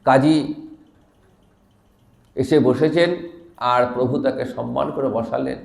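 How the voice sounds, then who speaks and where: A man preaching a devotional sermon, telling a sacred story in an animated, intoning way. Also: mid-range voice, takes it slowly, vocal fry, echoey room.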